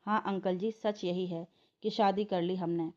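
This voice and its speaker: A woman's voice: medium pitch, steady tone, unhurried, darkish tone, lightly acted. A woman voicing a proud young woman who is defiant and hurt and answers sharply, in a slightly dull recording. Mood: pleading.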